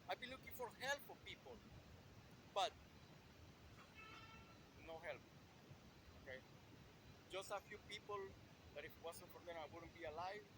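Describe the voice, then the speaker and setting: A man's voice: high-pitched, animated, normal speed, pauses often. A man from El Salvador, talking outdoors in a rambling street monologue and saying "you know" constantly. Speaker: vlogger. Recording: noisy street with passing traffic.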